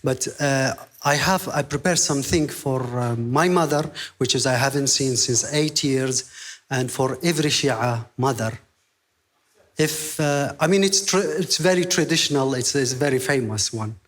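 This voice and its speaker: Responding to a host as a contestant, this man from Pakistan and Iraq speaks English as a non-native, in an earnest, courteous, halting manner. His pitch is medium and his tone fairly bright.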